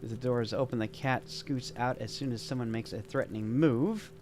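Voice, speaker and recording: A man's voice: medium pitch, fairly even intonation, fairly quick, a little mellow, a little hiss or hum. A man casually talking through building a game scenario, thinking aloud with enthusiastic, rambling asides. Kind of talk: casual gameplay commentary.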